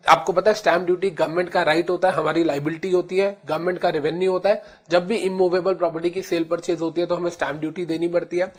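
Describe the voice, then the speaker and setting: Indian man teaching, slow repeated key terms. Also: high-pitched, little pitch movement. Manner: addresses students as children, repeats key terms slowly. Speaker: law teacher. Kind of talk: classroom lecture in Hindi-English mix.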